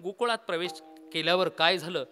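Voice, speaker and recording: Bright, ringing high-voiced male preacher. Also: a little fast, faint music behind. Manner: theatrical storytelling, breaks into song; asks the audience questions. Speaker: kirtan preacher. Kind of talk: comic devotional kirtan sermon.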